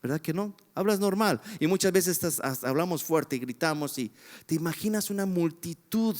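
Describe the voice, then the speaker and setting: A man preaching with passion, his voice pitched notably high for a man. He drives the story forward and keeps asking the congregation rhetorical questions. The sound trails off in the long reverb of a church hall. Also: animated, moderate pace, a little mellow. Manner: impassioned, dramatic retelling with rhetorical questions to the congregation. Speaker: pastor. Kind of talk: sermon.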